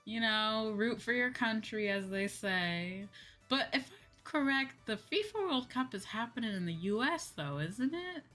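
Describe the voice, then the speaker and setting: With background music behind her, a virtual streamer and livestream host rambles casually to her viewers, thinking out loud and returning to earlier points. She speaks at a measured pace in a fairly high, fairly bright voice with lively intonation.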